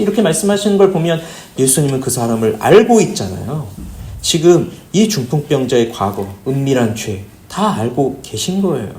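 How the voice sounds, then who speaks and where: A man preaches a Sunday sermon in a church, his voice a touch higher than most men's and swinging up and down all the time. He keeps putting questions to the congregation, and the sound rings out through the roomy hall. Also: darkish tone. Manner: questions the congregation often, pitch rising and falling. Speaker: pastor. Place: church sanctuary.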